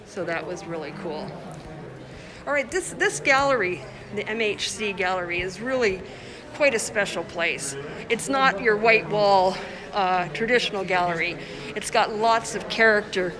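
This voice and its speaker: A woman's voice: medium pitch, measured pace, rough recording. A woman from the Congo, an artist giving a casual livestream tour of her exhibition, chatting as she walks through an indoor gallery on her phone. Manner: chatty, showing work while walking around. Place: indoor art gallery at a busy opening. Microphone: handheld phone livestream. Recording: crowd chatter behind, phone mic. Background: gallery crowd chatter.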